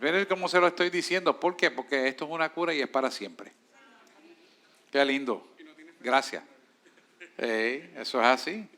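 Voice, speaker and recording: A man's voice: mid-range voice, normal speed, long pauses, sharp tone. A man with a Puerto Rican accent teaching a church discipleship class in an emphatic, preacherly way and answering students' questions.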